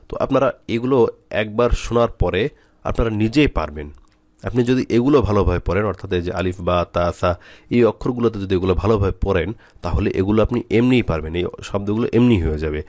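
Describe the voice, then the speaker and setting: A man teaching Quran reading, who drills letter sounds slowly and patiently and repeats key points. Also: sits low, darkish tone, dry recording. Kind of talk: recorded lesson.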